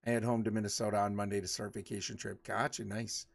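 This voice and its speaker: A man's voice: lowish voice, little pitch movement, quick pace, vocal fry. A man in his forties chatting casually with his livestream viewers, rambling and laughing often. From Michigan. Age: 40s. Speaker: livestream host.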